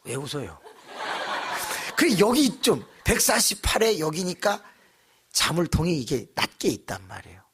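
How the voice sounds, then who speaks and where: Male pastor, lively storytelling sermon, husky voice, pitch a bit high. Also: unhurried. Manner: animated storytelling with acted voices. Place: church.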